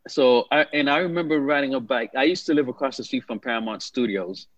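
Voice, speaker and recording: This man's medium-pitched voice is fairly bright and quick-paced, with no room sound but the highs cut off. Originally from Haiti and in his fifties, he's an interview guest easily telling his life story in conversation, repeating words along the way.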